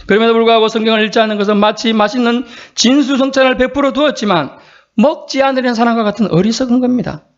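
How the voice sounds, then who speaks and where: A male pastor preaching a sermon in an earnest, conversational way, sometimes acting out quotes in a high voice. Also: quick pace, dull audio.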